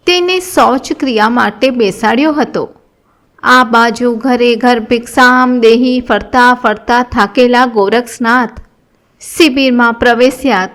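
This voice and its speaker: A woman with a Gujarati accent reading a devotional scripture story in an even, measured way. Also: on the high side. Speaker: narrator.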